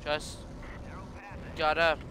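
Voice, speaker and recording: A young man commenting on his own racing game play, swearing and shouting at his opponents, his voice worn from yelling. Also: a little high, monotone, extremely slow, background noise. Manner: frustrated, swears and yells at opponents. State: voice strained. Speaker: let's play gamer. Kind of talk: gameplay commentary.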